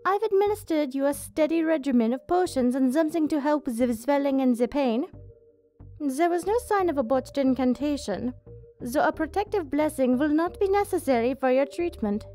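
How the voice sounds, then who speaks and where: Woman playing Witch Mercy, high-pitched soothing witch healer. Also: animated, normal speed, dark tone. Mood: reassuring, clinical. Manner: soothing, careful, formal medical phrasing. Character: witch healer, doting, clinical, gently possessive of her little monsters. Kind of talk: ASMR roleplay, soft scripted character acting. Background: music.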